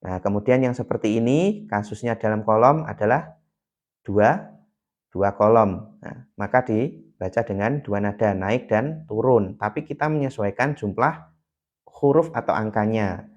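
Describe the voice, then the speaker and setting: A man's voice: fairly low pitch, unhurried. A man teaching beginners to read the Quran on a live stream, patient and repeating key points, at times chanting syllables in a melody.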